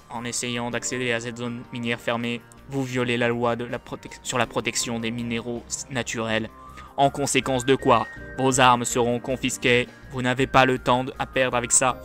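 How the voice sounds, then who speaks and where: A man voicing a stern alien warning in a put-on robot voice, reading game text aloud in a flat, formal announcement manner. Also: medium pitch. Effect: robot voice put on by the speaker.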